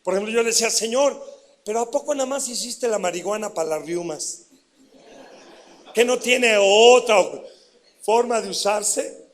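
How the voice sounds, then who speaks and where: A man's voice: high voice, normal speed, pauses often. A middle-aged man with a Mexican Spanish accent, a pastor telling his own story in a sermon and often putting questions to the congregation. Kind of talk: sermon testimony.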